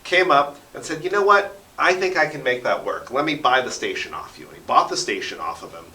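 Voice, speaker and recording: Speaking at a medium pitch, this American interview guest sounds animated, brisk and sharp as he spins conversational stories full of dramatic flourishes. The echoey radio studio and his distance from the mic give the recording a roomy echo.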